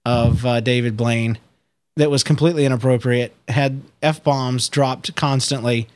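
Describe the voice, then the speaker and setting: A man chats on a laid-back podcast, joking and riffing with his co-host. His voice sits at a middling pitch and sounds dry and close, with no room around it. It comes through a Skype call. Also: fairly even intonation, measured pace, no echo. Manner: joking, breaks into high-pitched impressions and giggles. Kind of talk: casual chat.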